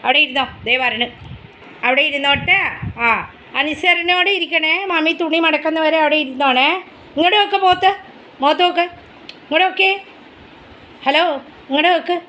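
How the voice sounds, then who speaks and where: Bright high-voiced woman cooing at her dog. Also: brisk, pauses often, a little hiss or hum. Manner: high sing-song baby talk to the pet, then calm chat to viewers. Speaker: vlogger, dog owner. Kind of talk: casual home vlog, talking to her dog. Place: home, near the kitchen. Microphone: phone camera.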